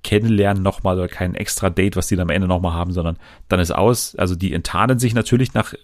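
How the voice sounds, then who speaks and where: A man with a very low voice hosts a relaxed chat, talking loosely with frequent fillers and restarts. His voice sounds dry and close, with almost no room around it. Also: fast, no room sound. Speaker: podcast host. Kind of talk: casual chat about TV.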